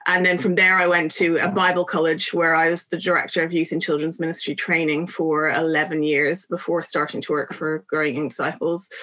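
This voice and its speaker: A Dublin Irish woman in her forties speaks as an interview guest. Her voice sits a little low. She talks earnestly and conversationally, often pausing on "um". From Ireland. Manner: warm, earnest, frequent "um" fillers. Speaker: guest, ministry director.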